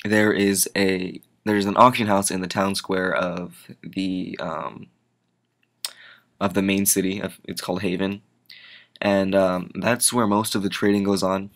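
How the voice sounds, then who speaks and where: A man's voice: deep voice, little pitch movement, a little slow, a bit bright. A tired young man giving casual gameplay commentary, rambling and drifting off on tangents. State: tired, yawning. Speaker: gaming channel host.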